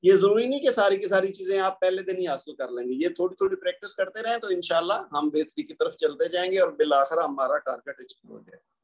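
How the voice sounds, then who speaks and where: A man's voice: sits high, expressive. Patient Urdu-accented male tajweed teacher. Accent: Pakistani Urdu. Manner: patient, explanatory, demonstrates letter sounds slowly. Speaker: Quran recitation teacher. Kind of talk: tajweed lesson.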